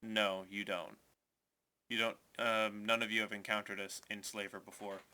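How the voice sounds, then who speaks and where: A man narrating as game master in a tabletop game, loose and halting with many fillers. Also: fairly low pitch, flat delivery, sharp tone.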